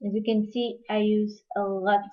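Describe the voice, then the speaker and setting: Demonstrating a craft live, this host from Portugal talks casually to her audience and takes their questions while working, in a Portuguese accent. She speaks at a normal speed in a mid-range, level voice. The sound is lo-fi and dull.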